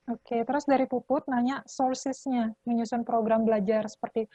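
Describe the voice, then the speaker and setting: Brisk woman moderator, dry mellow voice. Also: fairly high pitch, fairly even intonation, no echo. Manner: brisk, reads questions quickly. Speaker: webinar moderator. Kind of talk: reading audience questions. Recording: dry, muffled call audio.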